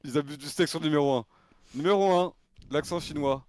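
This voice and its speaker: A man's voice: on the high side, fast, darkish tone. A man streaming live in casual, joking chat, laughing and exclaiming.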